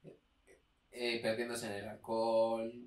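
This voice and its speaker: A man's voice: mid-range voice, completely flat delivery, a little slow. A young man co-hosting a casual literary podcast, often agreeing with "claro" and reading short passages aloud. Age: young adult. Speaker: podcast co-host. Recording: roomy echo, mic at a distance.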